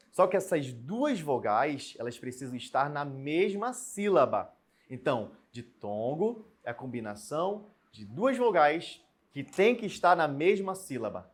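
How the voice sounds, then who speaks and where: A man teaching a recorded Portuguese lesson, explaining step by step and spelling out example words slowly. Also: on the high side, slightly rough. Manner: explains step by step, asks students questions and answers them.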